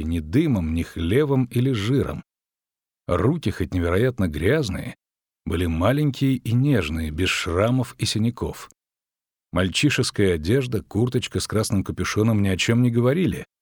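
Low male narrator, measured fantasy read, dead-dry close mic. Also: a little mellow, slightly rough, no echo. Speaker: audiobook narrator.

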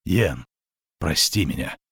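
A man voicing a gruff male witcher who talks low and strained. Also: very animated, brisk, fairly bright tone, no echo, studio quality, exaggerated voice. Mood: pleading.

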